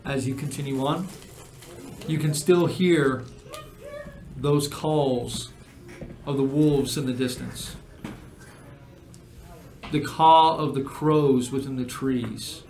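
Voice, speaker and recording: A man serving as game master, narrating a tabletop game in a slow, descriptive way that often stops to correct itself. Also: medium pitch, darkish tone, roomy sound, poor audio.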